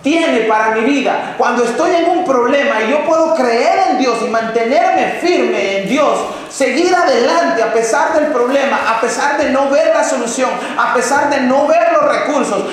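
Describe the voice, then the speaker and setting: Male pastor, high voice, impassioned sermon, cavernous echo, faint background noise. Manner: impassioned, rhetorical questions to the congregation. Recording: very echoey hall with faint noise.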